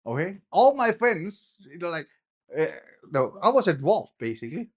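A man from Denmark preaches an informal sermon with a high voice. He talks conversationally, restarting and repeating words. He rises into emphatic bursts when he presses a point. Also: very animated, moderate pace, husky.

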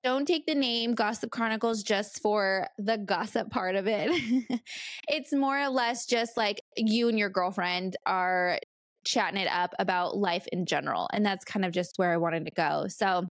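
In clean studio sound with no echo, a woman from California in her late thirties chats casually on her solo podcast. She rambles and uses lots of fillers, speaking a little slowly in a mid-range voice.

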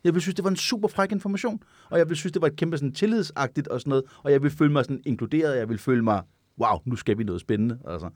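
A man's voice: on the high side, hardly any pauses, a little mellow, no room sound. Man, podcast co-host, frank and jokey, dry close mic. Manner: joking, candid, laughs often. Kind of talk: casual frank chat.

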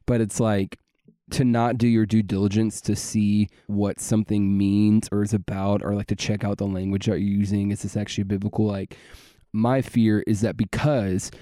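Low-voiced earnest man rambling. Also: level tone, normal speed, dark tone, no echo, studio quality. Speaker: podcast co-host. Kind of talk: casual faith podcast chat.

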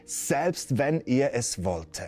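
A preacher reading a stern old patriarch. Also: male voice, medium pitch, very animated, drawn-out words, darkish tone, soft background music. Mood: firm. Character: patriarch Abraham, stern elderly man answering firmly.

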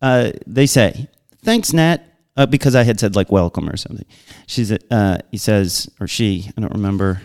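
A man's voice: fairly low pitch, moderate pace, a little mellow. A man with a Long Island accent hosting a podcast, casually chatting and reading listener mail aloud, laughing often and breaking off for asides. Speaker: podcast host.

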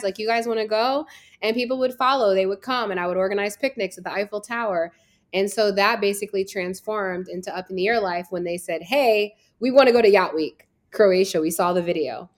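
An American woman from Virginia, a travel business founder, talking as a guest in an interview in a chatty, storytelling way. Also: medium pitch. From Virginia, USA. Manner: chatty, storytelling, frequent "like" fillers. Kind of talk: casual interview talk.

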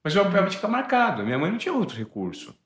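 A man hosting a podcast, telling a personal story with animated emphasis. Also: high-pitched, very fast. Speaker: podcast host. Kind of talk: podcast conversation. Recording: roomy echo.

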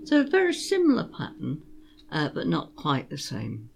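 A podcast host teaching how to write story poems, explaining slowly and reading lines aloud with a sing-song beat. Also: mid-range voice, wildly swooping pitch, vocal fry, breathy edge. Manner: slow, sing-song rhythmic reading, tapping out beats.

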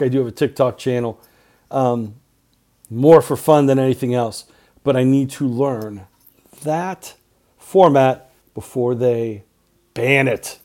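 A man's voice: medium pitch, a little mellow. A middle-aged male teacher recording class announcements for his students' podcast, talking in clipped short phrases with earnest reminders.

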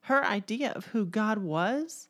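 A woman's voice: medium pitch, lively intonation, takes it slowly, a bit bright. A woman from Texas with a Southern accent, co-hosting a casual Bible discussion and chattily building on her partner's points. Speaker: podcast co-host.

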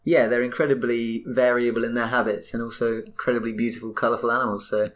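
A man in a relaxed podcast conversation, taking the lead in explaining things to his co-host. His voice sits at a middling pitch for a man. He often reads out details and sets up the next topic. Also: fast. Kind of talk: casual podcast chat.

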